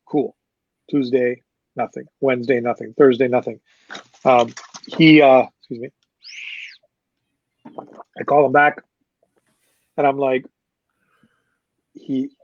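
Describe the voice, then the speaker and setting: A man, a concert promoter, recounts a story in a relaxed interview, acting out what others said and cursing often. His voice sits at an ordinary middle pitch. The sound is dry and a little dull. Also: dry recording. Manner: animated anecdote-telling with profanity and quoted dialogue.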